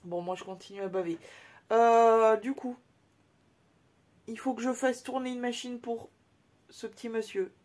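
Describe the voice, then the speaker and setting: A woman's voice: a little high, fairly even intonation, unhurried, long pauses, darkish tone. Woman vlogger, upper voice, casual slangy day-in-the-life chatter. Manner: chatty and slangy, with fillers and asides. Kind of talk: casual vlog chat.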